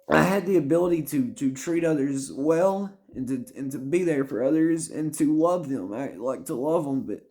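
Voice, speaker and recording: His voice sits on the high side and sounds mellow. The thirty-something vlogger speaks directly to camera with earnest, heartfelt life advice, wandering as he goes, swearing often and beginning sentences over.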